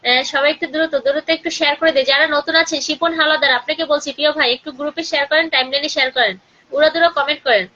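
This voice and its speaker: Fast-talking woman hosting a live stream. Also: high-pitched, fairly even intonation, muffled recording. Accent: Bangladeshi Bengali. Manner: urging viewers to share and comment; speaking slowly and softly during the call to prayer. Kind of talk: live stream chat with viewers.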